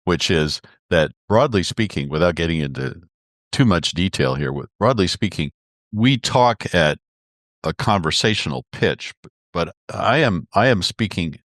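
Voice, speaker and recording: Give me a low-voiced man explaining communication as a podcast guest, expressive and animated. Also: measured pace, no room sound, clean studio sound. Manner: expressive, demonstrates pitch changes while explaining. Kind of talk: explanatory interview talk.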